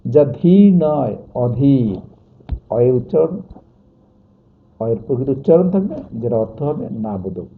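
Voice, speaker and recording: A male teacher giving a pronunciation lesson, slowly dictating and repeating example words. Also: medium pitch, very animated, creaky, a little hiss or hum. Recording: tinny phone-like sound.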